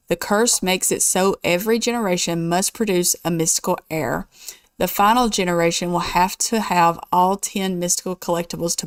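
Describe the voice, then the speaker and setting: A woman hosting a gaming channel, chatting casually and reading game rules aloud at an easy, even pace. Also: lowish voice, no echo, studio quality.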